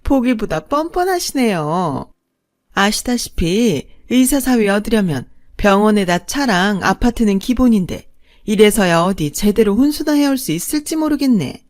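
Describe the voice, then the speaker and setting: A woman's voice: mid-range voice, big pitch swings, normal speed, lightly acted. A woman voicing a greedy, snobbish middle-aged mistress who mocks and looks down on others, in a storybook narration. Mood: sneering. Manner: haughty, mocking.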